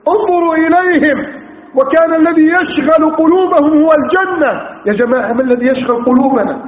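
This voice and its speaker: A man's voice: very high voice, brisk, a little hiss or hum. Guy preaching a sermon, fired-up storytelling, sounds like a phone line, big echoey hall. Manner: impassioned storytelling with rhetorical lists. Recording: tinny, echoey hall recording.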